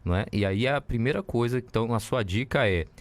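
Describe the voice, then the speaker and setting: A man's voice: medium pitch, expressive, brisk. A man with a Bahian Brazilian accent interviewing a guest, circling and restarting as he builds long questions. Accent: Bahian Brazilian Portuguese. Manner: rambling, restarts often while framing questions.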